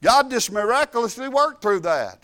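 A man's voice: very high voice, sing-song, normal speed, a bit bright. A middle-aged man giving a fervent, folksy church testimony, peppering his talk with hallelujahs. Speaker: church speaker. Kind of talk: sermon testimony.

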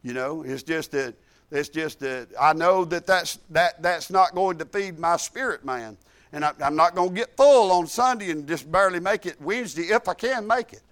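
Speaking in a high voice with a fairly bright tone, a middle-aged man delivers a church testimony as part of a sermon. He sounds fervent and folksy and keeps exclaiming hallelujah.

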